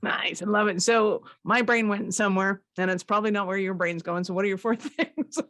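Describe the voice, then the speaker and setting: A woman's voice: medium pitch, fairly even intonation, fairly quick, a bit bright, dry recording, studio quality. Upbeat woman hosting a casual podcast. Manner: informal, upbeat, encouraging. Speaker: podcast host. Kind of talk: casual interview and show hosting.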